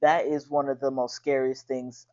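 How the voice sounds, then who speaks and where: A woman co-hosting a casual podcast chat, retelling a haunting story with halting restarts. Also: extremely low pitch, flat delivery, crowd noise. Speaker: podcast co-host. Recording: dull lo-fi sound.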